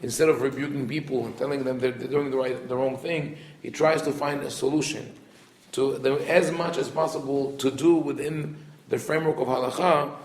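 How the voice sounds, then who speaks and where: A man's voice: medium pitch, fairly even intonation, a little mellow. A man, a rabbi, giving an informal Torah lesson, talking conversationally with many restarts and quoting Hebrew texts before translating them. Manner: conversational, restarts often, reads Hebrew quotes quickly then translates. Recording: echoey room.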